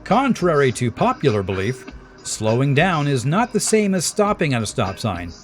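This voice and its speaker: A man's voice: mid-range voice, huge pitch swings, normal speed. Man narrating over music. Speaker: narrator of a dash cam video series.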